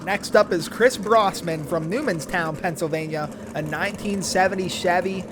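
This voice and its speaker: A man's voice: high voice, moderate pace. A man commentating as a tractor pull announcer, introducing drivers and calling out runs and distances. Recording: loud engine and vehicle noise. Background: vehicle and engine noise.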